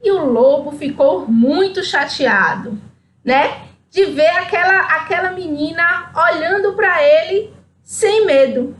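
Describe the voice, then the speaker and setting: A woman, a speaker at a spiritual center, reading a children's story aloud in an expressive, sing-song way, then reflecting. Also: very high voice, slow pace.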